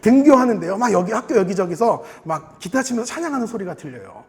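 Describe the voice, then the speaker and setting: A young man preaching a sermon, telling a personal story in an animated way and acting out his younger self with laughter. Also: high-pitched, quick pace. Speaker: pastor. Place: church sanctuary. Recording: reverberant church hall.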